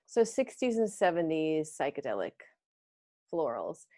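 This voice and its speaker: Woman in her fifties, host, rambling fashion chat over a video call, voice sits a bit low. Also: sing-song, unhurried, warm tone. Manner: chatty and rambling, trails off mid-sentence.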